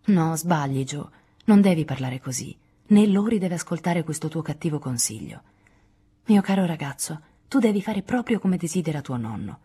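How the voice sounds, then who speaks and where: A woman voicing a dutiful, motherly teenage girl gently urging a friend, in a storybook reading. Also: sits low, animated, normal speed, breathy edge, heavily acted. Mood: earnest. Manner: gentle, earnest.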